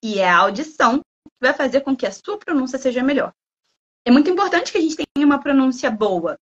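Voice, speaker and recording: A woman from Brazil, a guest speaker who talks in a lively, playful way and acts out imagined students' lines. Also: high voice, a little fast, muffled recording. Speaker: guest speaker, language school head. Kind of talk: lively talk in a livestream.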